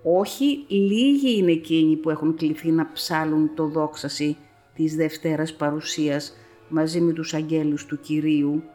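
A woman's voice: sits low, steady tone, warm tone, natural voice. A woman voicing a stern man who proclaims grim visions in a solemn, thundering way, over faint music. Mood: solemn proclaiming.

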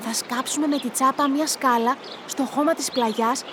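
Moscho is a bright, quick-witted village girl in a children's radio drama, as a woman voices her. She speaks very high and eagerly, like a born leader talking her friends into a plan. A faint hiss sits under her lines. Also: steady tone, lightly acted. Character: bold clever young village girl, a leader.

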